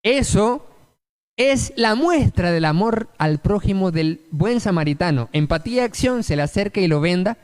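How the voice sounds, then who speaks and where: A man's voice: high voice, expressive, moderate pace, a little mellow, clear, resonant tone. A man preaching a sermon, emphatic and asking the congregation rhetorical questions.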